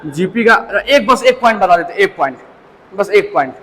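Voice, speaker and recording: A physics teacher lecturing a live class, repeating key points and checking students follow. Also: male voice, high-pitched, lively intonation, moderate pace, bright, forceful tone. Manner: repetitive, drilling points home with check-ins. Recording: distant echoey classroom with faint hiss.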